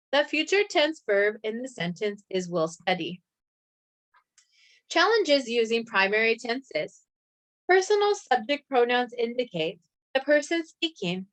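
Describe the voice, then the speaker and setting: Woman, higher voice, reads a grammar lesson in a measured, even way. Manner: reads slowly and evenly, spelling out letters. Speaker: grammar instructor. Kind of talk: scripted lesson narration.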